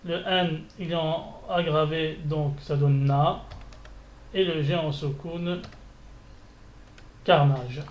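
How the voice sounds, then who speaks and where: A man talks through a beginner lesson, correcting exercises and often restarting his sentences. His voice sits a little high. The room is echoey, with a faint hum of ambience behind him. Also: fairly even intonation, slow, long pauses, muffled recording. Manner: thinking aloud, many restarts and fillers. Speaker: Arabic teacher. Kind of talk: screencast lesson.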